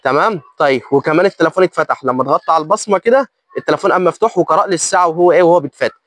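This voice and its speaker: A man with an Egyptian accent talks extremely fast in a casual vlog tutorial. His voice sits a bit high and is recorded dry. He keeps posing questions and answering them himself. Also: no room sound. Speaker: vlogger demonstrating his phone.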